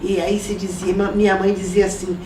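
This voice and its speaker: An older woman from Salvador, recalling her family in an oral history interview at an unhurried pace. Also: mid-range voice, level tone, far from the mic. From Salvador, Brazil. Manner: reminiscing, unhurried, with soft laughs. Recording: echoey room, voice from off mic, faint noise.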